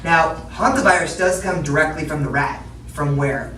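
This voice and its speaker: A middle-aged woman explains things to children in plain, simple language, often checking in with questions. She is picked up from a distance in a very echoey room, with clear background noise. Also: deep voice, moderate pace, fairly bright tone. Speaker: public health educator presenting to children. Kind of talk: interactive educational talk, explaining to children.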